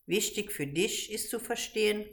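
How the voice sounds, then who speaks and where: A big, bearded woodcarver speaks gently and reassuringly, as a woman reads him aloud. He sounds kind and patient. This is a storybook reading. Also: deep voice, big pitch swings, measured pace, full character voice. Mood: gentle.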